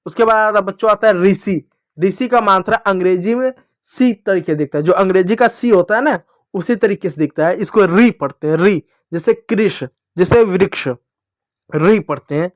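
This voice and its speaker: A man teaching children, patiently repeating each sound slowly and drawing out the vowels. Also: high voice, no room sound, clean studio sound. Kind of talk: Hindi lesson for children.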